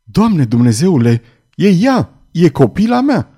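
A hulking executioner, tormented and volatile, voiced by a man reading aloud. His voice is dark and mellow, breaking from shaky murmurs into raw cries. An audiobook character voice. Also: mid-range voice, expressive, close to an everyday voice. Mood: frantic, howling. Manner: swings between trembling murmurs and anguished shouts.

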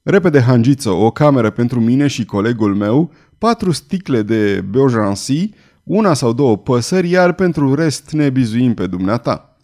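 A man reading an audiobook, voicing a hurried nobleman who places curt, commanding orders. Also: medium pitch, expressive, darkish tone, close to an everyday voice. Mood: demanding. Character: brusque demanding nobleman, a hasty guest.

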